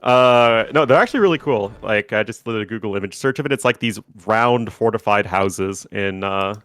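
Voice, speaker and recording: A man co-casting a strategy game tournament in a relaxed, chatty way, laughing often. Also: lowish voice, moderate pace, clear, resonant tone, no room sound. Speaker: tournament co-caster. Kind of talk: casual game commentary.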